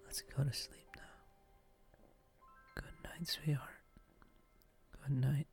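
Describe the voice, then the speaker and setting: A man whispering softly in an intimate, affectionate boyfriend roleplay for ASMR. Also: mid-range voice, little pitch movement, slow pace, husky, faint music behind.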